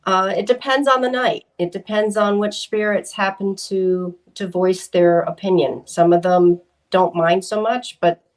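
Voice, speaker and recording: A woman's voice: mid-range voice, steady tone, measured pace, low-quality recording. A woman paranormal investigator chatting casually, hesitant with fillers and restarts. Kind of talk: casual chat.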